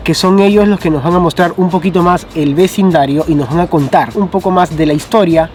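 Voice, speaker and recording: A man's voice: fairly high pitch, a little fast, darkish tone, a little hiss or hum. A man hosting a travel vlog, talking straight to the viewers and explaining things outdoors on a city street. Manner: addresses viewers directly, explanatory. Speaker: travel vlogger host. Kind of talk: vlog narration.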